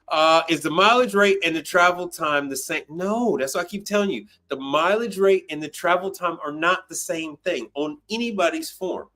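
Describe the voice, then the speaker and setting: A man's voice: high-pitched, a bit bright. A man in his fifties hosting a casual call-in live stream, blunt and profane, often repeating himself for emphasis. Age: 50s.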